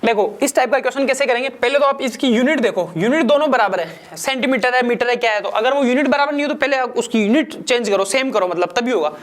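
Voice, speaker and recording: A man's voice: extremely high pitch, fast talker, hardly any pauses. Patient man talking through math problems. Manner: explains patiently, asks and answers his own questions; repetitive, casual classroom phrasing. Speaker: exam coaching teacher. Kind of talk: step-by-step math problem walkthrough.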